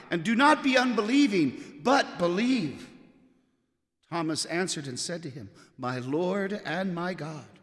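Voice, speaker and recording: Priest, man, lively high voice, Gospel reading, cathedral echo. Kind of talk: proclaiming the Gospel at Mass. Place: large church. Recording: long echoing church reverb.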